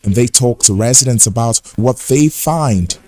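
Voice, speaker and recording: Man reading a measured news report. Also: mid-range voice, animated, mellow. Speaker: news correspondent. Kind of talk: scripted news report narration.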